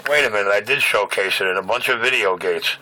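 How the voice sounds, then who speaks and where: A man's voice: lowish voice, fast talker. Man on an off-frequency CB radio, heavy static. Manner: calls out over the channel, joking and rambling. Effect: off-frequency CB radio transmission. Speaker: CB radio operator. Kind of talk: casual CB radio banter.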